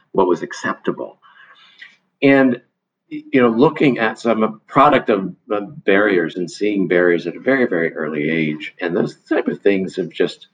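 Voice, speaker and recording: A man answering interview questions in a measured way, often restarting his sentences. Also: sits low, husky. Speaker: guest, foundation leader. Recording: dull lo-fi audio.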